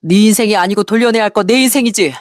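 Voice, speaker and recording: A woman's voice: medium pitch, very fast, dry recording, studio quality, close to an everyday voice. A woman voicing a divorced man who answers his ex-wife coldly and firmly. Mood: cold rebuke. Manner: cold, cutting, firm. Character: fed-up divorced man, cold and firm.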